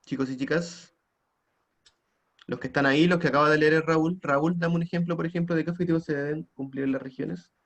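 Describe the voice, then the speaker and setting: A man's voice: fairly high pitch, fairly even intonation, fairly quick. A man teaching an online class with a Chilean Spanish accent, prompting students with frequent tag questions. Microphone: computer mic on a video call.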